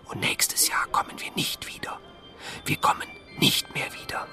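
A narrator speaking in a slow, hushed, reflective whisper, in whispered narration. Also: over music.

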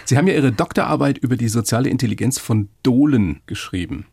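A man hosting a podcast interview, playful and quick to laugh. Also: mid-range voice, creaky, mellow, slightly rough, no room sound, studio quality. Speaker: podcast host.

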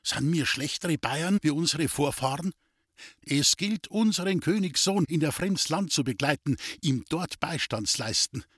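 A man's voice: fairly high pitch, lively intonation, measured pace, a bit bright, slightly rough, no echo, clean studio sound, exaggerated voice. A man voicing a proud, stubborn young soldier with a Bavarian accent, speaking eagerly and insistently. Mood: determined.

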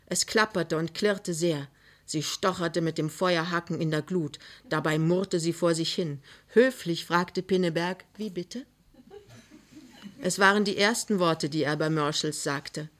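Brief: woman reading a novel aloud, low-pitched, measured and expressive. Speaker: narrator. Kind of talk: literary reading for radio.

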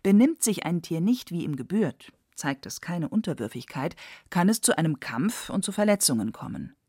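Woman, documentary narrator, scripted delivery, mellow tone, slightly low pitch. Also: dry recording, studio quality.

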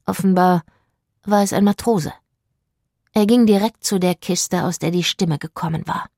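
A woman narrating a children's audio mystery with expressive storytelling. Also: lowish voice, normal speed, dry recording, studio quality.

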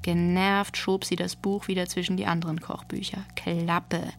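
Gravelly low-voiced woman narrating. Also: level tone, normal speed, faint music behind. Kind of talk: audiobook narration.

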